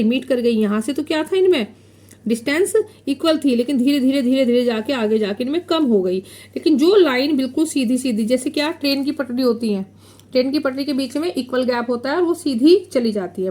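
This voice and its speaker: A woman with a high voice teaches a maths class and explains each idea step by step as she draws. She keeps putting questions to the class and then answers them herself. When she gets to the key terms, she slows down and repeats them. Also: darkish tone. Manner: repeats key terms slowly while drawing on a board. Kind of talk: classroom lesson explaining geometry.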